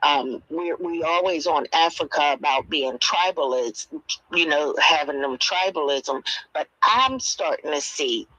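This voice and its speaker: A man's voice: fairly high pitch, measured pace, pushed and bright, dry recording, low-quality recording. A man hosting an online audio discussion, speaking in an earnest, firm, urging way. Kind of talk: casual discussion. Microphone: online audio chat.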